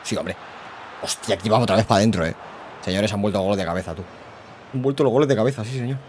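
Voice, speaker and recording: Excitable gamer, low voice. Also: male voice, quick pace, slight background noise. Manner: excitable, slangy, yells at goals. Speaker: gaming YouTuber. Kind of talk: live gameplay commentary.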